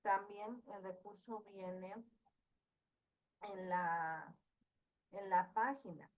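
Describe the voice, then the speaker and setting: A woman's voice: mid-range voice, steady tone, drawn-out words, poor audio. Woman teaching an online class. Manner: explanatory, with many fillers and checking questions.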